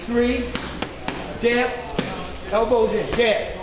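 A man's voice: very high voice, fairly even intonation, very slow. A male boxing coach calling out punch combos in short clipped commands with brief encouragement, recorded in an open gym. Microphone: camera mic a few metres away. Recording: echoey open gym, loud background noise.

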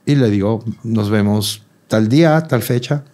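A man's voice: fairly low pitch, a little slow. A Mexican man in his thirties, a guest telling a personal story in casual chat, acting out the voices of the people in it. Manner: animated storyteller, acts out quotes.

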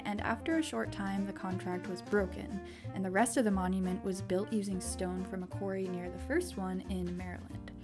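A woman hosting a geology video, giving clear, upbeat scripted science narration. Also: medium pitch. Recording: background music under voice-over. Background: background music.

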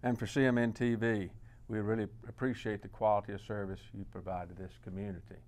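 A man's voice: lowish voice, little pitch movement, fast talker, a little mellow. A man in his sixties with a Mississippi accent, giving a plain-spoken campaign statement at a candidate forum. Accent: Southern US, Mississippi. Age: 60s. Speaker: candidate for county commission.

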